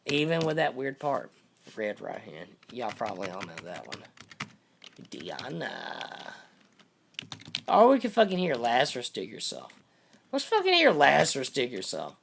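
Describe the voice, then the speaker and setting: A hoarse man rambling and cursing his way through casual live-stream chat as host, saying his voice is going out. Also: mid-range voice, huge pitch swings, a little slow, noisy background. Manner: profane, rambling storytelling.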